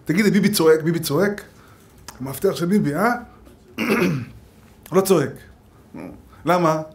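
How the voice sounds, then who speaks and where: A man preaching a Torah lesson with a somewhat high voice. He tells lively stories and acts out quotes and jokes as he teaches. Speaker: rabbi.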